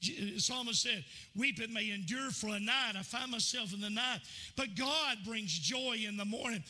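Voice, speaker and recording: A male pastor delivers a sermon in a church, speaking in a conversational way and asking his listeners questions. His voice sits high and sounds very bright and sharp. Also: moderate pace. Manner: conversational preacher, asks the congregation questions.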